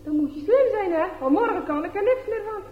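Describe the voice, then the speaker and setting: A woman voicing a clever, cheeky little boy in a children's story, excited and bright. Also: very high-pitched, a little fast, slight background noise, voice pushed up. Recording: echoey, dull lo-fi room recording.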